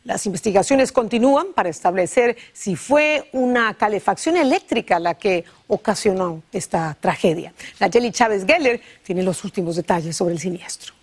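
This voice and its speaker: A woman's voice: medium pitch, lively intonation, normal speed, few pauses, slight background noise. A woman anchoring a television newscast, introducing reports in a composed delivery. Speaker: news anchor. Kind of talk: news anchoring.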